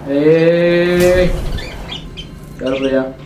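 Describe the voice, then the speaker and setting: A man's voice: on the high side, fairly even intonation, very slow, a little hiss or hum. A young man playing a horror video game and commenting, panicking, swearing and repeating commands over and over. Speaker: gaming YouTuber. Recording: roomy echo with loud game music.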